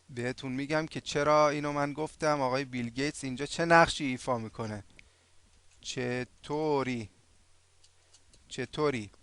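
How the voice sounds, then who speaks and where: A man teaching a language lesson in a casual, chatty way, with many fillers, saying example words slowly and loudly for learners to repeat. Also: mid-range voice, dry recording.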